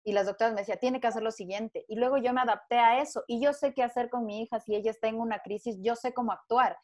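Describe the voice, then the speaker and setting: A woman's voice: fairly high pitch, fairly even intonation, fast. A woman from Ecuador, a guest on a panel talk, speaking earnestly and telling a story with frequent restarts.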